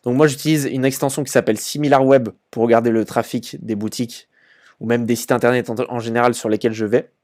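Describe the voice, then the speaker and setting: A man's voice: medium pitch, little pitch movement, quick pace, a little mellow. Chatty young man with many fillers. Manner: informal and chatty, many fillers and repeated words. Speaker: e-commerce channel host. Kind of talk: casual screen-share commentary.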